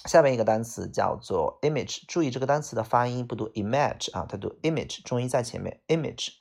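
A man's voice: medium pitch, animated, fast, vocal fry, a little mellow. A man teaching English vocabulary, explaining each word casually with fillers and heavy speech. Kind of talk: vocabulary lesson.

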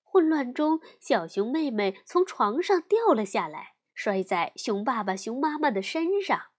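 一位女性用缓慢而富有表现力的语气朗读儿童故事。. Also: female voice, on the high side. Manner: slow, expressive storytelling. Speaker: storyteller. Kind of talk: children's audiobook narration.

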